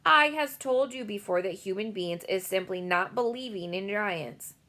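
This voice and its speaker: A woman voicing a big, kindly male giant who talks in slow, muddled grammar. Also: medium pitch, sharp tone, close to an everyday voice. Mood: earnest, rueful. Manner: mangled grammar, slow and emphatic.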